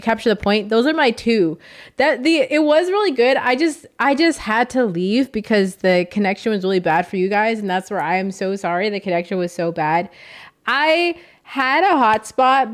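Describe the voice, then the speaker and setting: A young woman streamer talking casually and emotionally to her chat, rambling and thanking viewers. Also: medium pitch.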